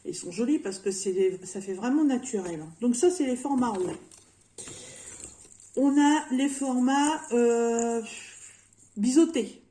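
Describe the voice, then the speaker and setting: A woman in her fifties rambles cheerfully through a shopping haul at home, full of fillers and little jokes. Her voice sits fairly high and mellow, and she takes her time. The room sounds echoey, with a faint noise behind her. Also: animated, measured pace, long pauses. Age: 50s. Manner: rambling and jokey, with many fillers and repeated words. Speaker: vlogger showing a shopping haul. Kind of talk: casual chatty haul video.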